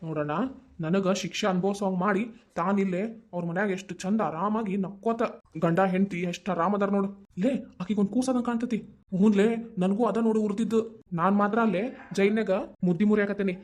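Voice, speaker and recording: An actor voicing cartoon village schemers, North Karnataka Kannada accent, quick blunt banter, rapid pace, mid-range pitch. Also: fairly even intonation, darkish tone, close to an everyday voice. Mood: scheming. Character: scheming village brothers plotting a kidnapping. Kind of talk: amateur cartoon dubbing.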